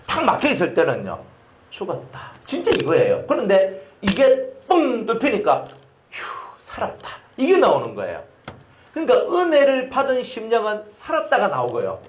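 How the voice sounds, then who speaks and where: Animated Gyeongsang pastor preaching. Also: male voice, sits high. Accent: Gyeongsang Korean. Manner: animated storytelling with sound effects and questions to the congregation. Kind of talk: sermon. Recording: roomy echoing hall.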